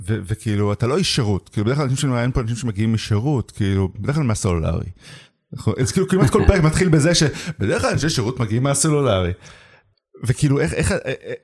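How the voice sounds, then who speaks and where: A man with an Israeli accent hosting a casual interview, speaking informally and haltingly with plenty of filler words. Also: medium pitch, expressive, a little mellow, breathy edge. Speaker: podcast host.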